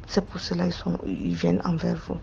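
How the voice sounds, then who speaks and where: Gravelly woman warning earnestly. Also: lowish voice, completely flat delivery, a little fast, dark tone, dull audio, a little hiss or hum. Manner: earnest, warning, repeats phrases. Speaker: caller telling a personal story. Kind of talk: casual spoken testimony.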